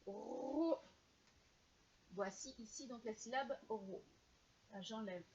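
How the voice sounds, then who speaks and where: A woman teacher giving a slow, clear reading lesson to young children and carefully sounding out each syllable. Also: fairly high pitch, highs cut off.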